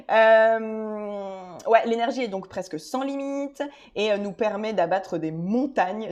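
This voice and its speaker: A woman vlogger speaking straight to her audience in a loose, informal way. Her talk is full of filler sounds, restarts and little detours as she explains at a medium pitch. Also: darkish tone. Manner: chatty, many filler hesitations and restarts; addresses viewers directly and informally. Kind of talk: casual explanatory video talk.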